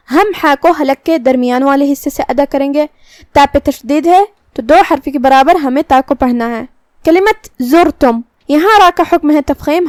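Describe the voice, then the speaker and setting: A woman teaching Quran recitation, explaining the pronunciation of each letter slowly and carefully. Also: high-pitched, darkish tone, dry recording. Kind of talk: Quran recitation lesson in Urdu.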